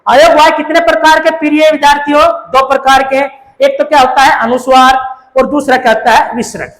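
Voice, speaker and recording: A woman's voice: sits high, steady tone, fairly quick. A woman teaches a grammar class. She keeps asking questions and answering them herself, drilling each term again and again. The sound is echoey, as if recorded in a bare room. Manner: asks questions and answers them herself, repeating key terms.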